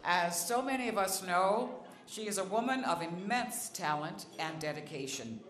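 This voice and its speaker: A presenter giving a warm, admiring introduction at an awards ceremony. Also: medium pitch, animated, normal speed, crowd noise. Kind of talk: formal introduction speech. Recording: echoey banquet hall.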